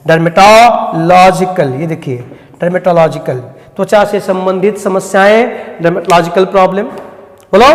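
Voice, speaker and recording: A man teaching vocabulary at an unhurried pace. His voice sits fairly high. He asks questions and answers them himself, in an echoey room with a long reverb. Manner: repeats key words slowly. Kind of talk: vocabulary lesson.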